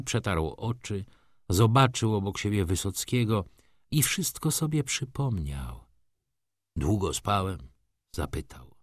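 A man narrating a classic novel aloud in a measured, dramatic reading that moves between hushed and intense. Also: low voice, no echo, clean studio sound. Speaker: audiobook narrator.

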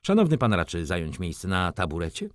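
A man's voice: sits low, huge pitch swings, a little fast, no echo, studio quality. A man voicing a young foppish shop clerk who talks effusively and fawns over customers. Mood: fawning. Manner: effusive, obsequious salesman patter. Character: young foppish male shop clerk, fawning, fast-talking.

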